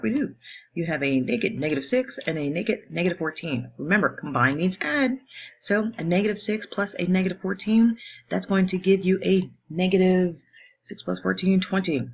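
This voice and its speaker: A woman math teacher working through homework problems step by step in a brisk, upbeat way, joking now and then at her own expense. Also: lowish voice, muffled recording. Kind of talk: homework walkthrough lesson.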